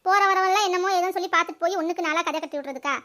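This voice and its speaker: Woman as shrill, rapid village busybody for a cartoon; scolds and mocks. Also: bright, forceful tone. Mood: scolding. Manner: scolding, quick and mocking. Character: sharp-tongued gossiping village woman, adult. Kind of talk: cartoon voice acting.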